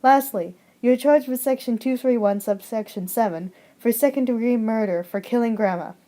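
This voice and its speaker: A woman's voice: fairly high pitch, normal speed, mellow, close to an everyday voice. A young woman voicing a police officer, reading legal wording in a stilted, formal way.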